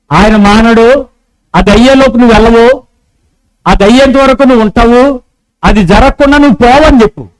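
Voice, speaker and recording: A man's voice: clean tone, poor audio. A man preaching a sermon as pastor, urging the congregation to repeat his words to each other and acting out quoted conversations. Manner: preaching with call-and-response prompts to the congregation; acts out quoted dialogue in a lowered voice.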